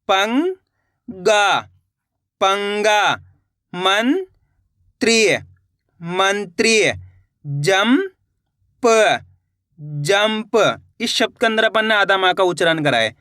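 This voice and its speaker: Bright high-voiced man teaching reading. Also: smooth, studio quality. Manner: drawn-out syllable-by-syllable reading, then brisk coaxing explanations; addresses viewers as friends, repeats words for them to echo. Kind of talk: online reading lesson.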